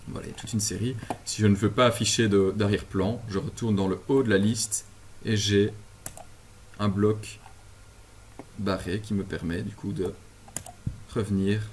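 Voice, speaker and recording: Low-voiced guy from belgium walking through a video call app at home, lots of euhs, faint hiss behind. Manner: relaxed, many fillers and self-corrections. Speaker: instructor. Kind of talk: screen-share software tutorial. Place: home apartment.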